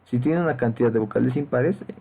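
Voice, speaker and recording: Man, programming teacher, step-by-step lecture, frequent tag questions, mid-pitched voice, tinny phone-like audio. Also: fast, gravelly, a little hiss or hum. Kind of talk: screen-recorded lecture.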